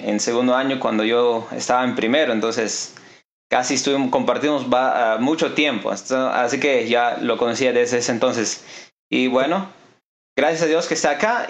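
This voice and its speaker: A man hosting a church podcast in a casual, halting way with many fillers. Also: medium pitch. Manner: hesitant, many fillers and restarts. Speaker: podcast host. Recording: echoey room.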